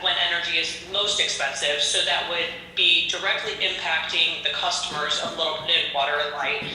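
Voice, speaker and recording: Speaking from afar through a phone on speakerphone, a female company presenter stumbles through a business presentation full of fillers. Her lowish voice has a bright, forceful tone, carried into an echoey meeting hall with a little hiss or hum.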